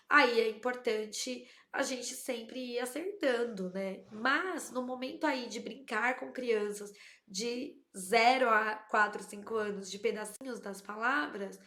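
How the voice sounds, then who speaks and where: Animated woman teacher, slightly high voice. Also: a little slow, reverberant. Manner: explanatory, animated, acts out child dialogues. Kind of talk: educational tips to camera.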